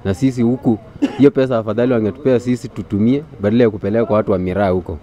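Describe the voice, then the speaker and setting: A man's voice: fairly low pitch, fairly even intonation, very fast, warm tone. A man in his thirties with a Kenyan accent, bluntly complaining in an outdoor street interview, speaking into a handheld mic. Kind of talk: vox pop street interview. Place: outdoors by a brick building. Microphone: handheld furry mic held close.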